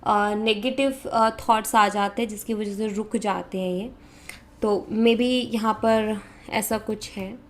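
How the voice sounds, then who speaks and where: A woman from India giving a casual, conversational tarot reading to viewers, often mixing in English words and pausing on fillers. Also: mid-range voice, steady tone. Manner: conversational, mixes English into Hindi, frequent fillers. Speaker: tarot reader.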